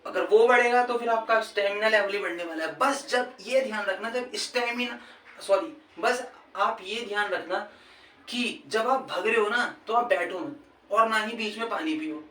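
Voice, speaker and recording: A man's voice: sits high, normal speed, sharp tone. A man giving casual cricket fitness tips, chatty and informal, often calling the listener "brother" and checking "okay". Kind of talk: casual instructional vlog. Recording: echoey, distant, faint background noise. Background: faint ambient sound, a TV match playing.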